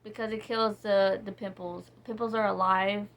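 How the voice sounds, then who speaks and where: A woman casually reviewing bar soaps, reading ingredients slowly and rambling with many fillers and restarts. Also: medium pitch, flat delivery, a bit bright. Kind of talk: casual product review chat.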